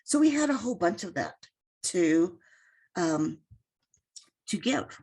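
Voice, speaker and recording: A woman's voice: fairly low pitch, sing-song, slow pace, mellow, slightly rough. A middle-aged woman guest speaker telling a story in a casual, chatty way on an online call, with many fillers and quoted asides. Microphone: online video call.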